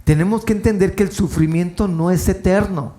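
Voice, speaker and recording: Animated high-voiced pastor preaching. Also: male voice, brisk. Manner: animated storytelling, acting out quoted voices with big pitch swings. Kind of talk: sermon.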